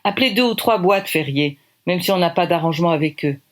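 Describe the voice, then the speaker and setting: A woman's voice: fairly low pitch, animated, brisk, close to an everyday voice. A woman voicing a bossy woman stylist who gives curt, clipped orders. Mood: commanding. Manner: commanding, clipped.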